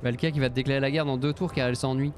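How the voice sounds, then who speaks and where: A man's voice: medium pitch, steady tone, racing, darkish tone, soft background music. A man from Belgium, casually commenting on a strategy game while thinking aloud and thanking viewers. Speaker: streamer.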